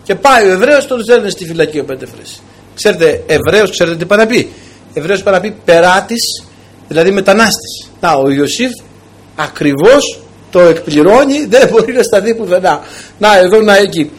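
A man's voice: sits high, expressive. A man preaching a sermon, telling stories and speaking directly to his congregation with emphasis. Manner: emphatic, storytelling delivery with a direct address to the congregation.

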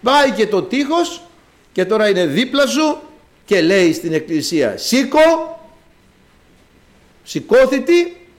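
Guy preaching a sermon, high voice that swings all over, emphatic, keeps repeating himself. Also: very animated. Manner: emphatic, repeats phrases, reads scripture in archaic Greek.

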